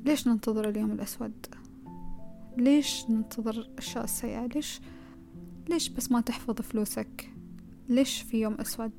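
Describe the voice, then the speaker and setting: Gravelly higher-voiced Gulf Arabic woman. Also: a little fast, pauses often, dark tone, faint music behind. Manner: conversational, advising, piles up rhetorical questions. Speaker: self-help speaker. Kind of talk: motivational self-help talk.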